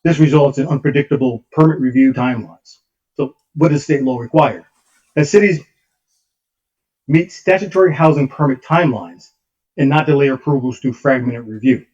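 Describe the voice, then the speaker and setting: A man's voice: mid-range voice, normal speed, a little mellow. Man on a choppy, glitching call line. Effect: choppy audio that keeps cutting out. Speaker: consultant presenting to a commission. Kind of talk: formal presentation read from slides. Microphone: remote call audio. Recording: dull lo-fi remote call line.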